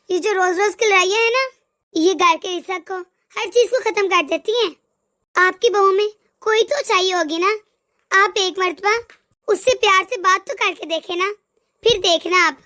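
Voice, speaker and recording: A woman voicing a kind, wise middle-aged mother-in-law in a cartoon, who gently reasons and lectures. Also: extremely high pitch.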